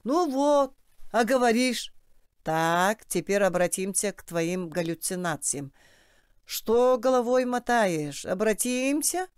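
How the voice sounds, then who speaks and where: Кастинг: женщина в роли напористого насмешливого мужчины-допросчика, чистый голос. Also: female voice, medium pitch, lively intonation, slow pace, smooth, dry recording, clean studio sound. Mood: pushy. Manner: pressing, mocking questions. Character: bossy male interrogator, mocking, pushy.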